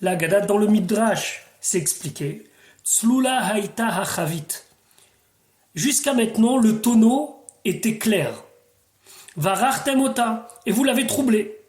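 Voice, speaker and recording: High-voiced rabbi teaching in an echoey room. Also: male voice, a little slow, darkish tone. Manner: reads Hebrew phrases then translates them into French. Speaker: rabbi teaching weekly Torah portion. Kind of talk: verse-by-verse Torah commentary.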